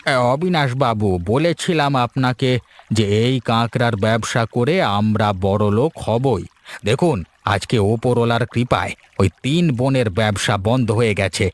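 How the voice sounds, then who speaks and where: An actor playing a greedy, excitable crab trader in a melodramatic, exaggerated story-drama style. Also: male voice, mid-range voice, normal speed, natural voice. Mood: smug, gloating. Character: greedy, gloating crab trader, panics in danger. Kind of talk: melodramatic Bengali audio-story acting.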